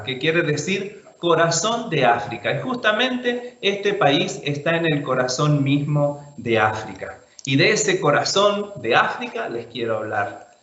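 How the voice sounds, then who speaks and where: A man, a priest giving an online talk with slides, relaxed and thinking aloud with fillers and restarts. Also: fairly high pitch. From Chile. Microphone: video call. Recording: roomy, dull video call audio.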